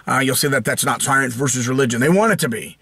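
A man's voice: mid-range voice, quick pace, bright, forceful tone, slightly rough, no echo. An American man hosting his channel, ranting casually in a rambling, sarcastic way with lots of restarts and fillers. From United States. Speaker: channel host. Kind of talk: casual opinion rant.

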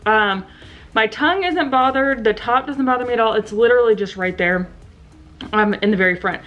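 A woman's voice: medium pitch, highs cut off. A young woman vlogging casually to camera in her bedroom, chatty and full of ums and likes, with a slight lisp from new aligners. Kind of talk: casual vlog talking to camera. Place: bedroom at home. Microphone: camera set down in front of her.

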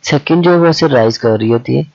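A man who teaches a language lesson, talking slowly and repeating himself with many fillers. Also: medium pitch, vocal fry, a little mellow. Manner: slow and repetitive, with many fillers. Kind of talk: explaining a lesson. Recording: dull lo-fi audio.

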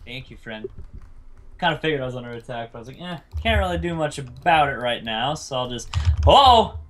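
A man's voice: medium pitch, animated, brisk, fairly bright tone, slight background noise. A man in casual gameplay chat, bantering playfully and repeating his phrases. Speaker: gaming video host and player.

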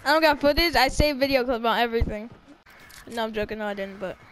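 High-voiced excitable gamer woman. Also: noisy background. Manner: excitable, trash-talking, quick to self-mock. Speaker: gamer playing a 1v1 match. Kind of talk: casual gaming voice chat.

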